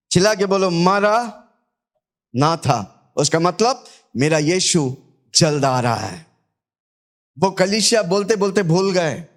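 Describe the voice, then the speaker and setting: A man from India preaching a sermon as pastor, calling on the congregation to shout answers back and repeating scripture after a reader. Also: on the high side. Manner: call-and-response preaching, urging listeners to shout back.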